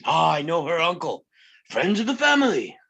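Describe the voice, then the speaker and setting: At a live table read, an actor voices a brash, wisecracking, middle-aged circus owner who is blunt and joking. His exaggerated voice is sing-song, gravelly and fairly bright with a breathy edge, and his pitch shifts quickly.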